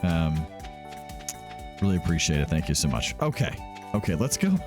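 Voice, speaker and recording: A man with a bass voice hosts a gaming let's play at normal speed, his pitch swinging widely. He rambles casually and pokes fun at himself, stopping and restarting as he goes. Music plays behind his voice.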